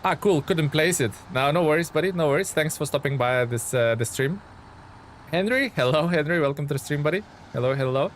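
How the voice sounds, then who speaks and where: A Lithuanian man with a slightly high, animated voice talks a little fast in casual live-stream chat on a game stream. He reads viewer comments aloud and replies with lots of fillers, and the audio has a little hiss or hum.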